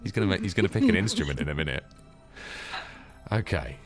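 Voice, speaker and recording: A man's voice: low-pitched, expressive, quick pace, soft background music. A man chatting casually and self-deprecatingly as game master of a streamed tabletop game.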